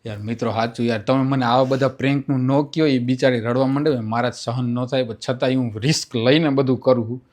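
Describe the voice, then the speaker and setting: A man's voice: medium pitch, fairly even intonation, a little fast, few pauses, darkish tone. A young man, chatting casually to viewers in a vlog and coaxing someone to stop crying. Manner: coaxing, pleading. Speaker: vlogger.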